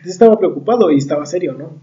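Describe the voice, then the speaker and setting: A man's voice: a little high, racing, far from the mic, lo-fi sound. A young man with a Mexican accent telling a story in casual, profane chat. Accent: Mexican Spanish. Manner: slangy, profane, animated storyteller.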